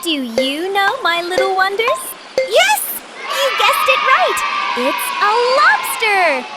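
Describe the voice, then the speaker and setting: A woman's voice: very high-pitched, very animated, slow, over a noisy crowd, heavily acted. A woman voicing a cheerful young female sea captain who guides small children through a cartoon, gushing and sing-song with lots of exclamations. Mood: bubbly excited. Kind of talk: cartoon narration for toddlers. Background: loud children's music.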